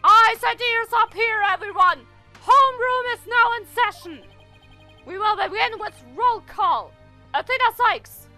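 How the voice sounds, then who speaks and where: A woman voicing a pompous, stern older male law professor who lectures in a haughty, drawn-out way. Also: very high voice, sharp tone, faint music behind, voice pushed up, heavily acted. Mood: ranting.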